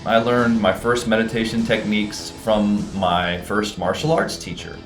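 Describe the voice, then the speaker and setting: A middle-aged man teaching meditation in a relaxed, conversational way, often asking rhetorical questions. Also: on the low side, unhurried, music in the background. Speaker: meditation teacher and group admin. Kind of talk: casual livestream meditation talk.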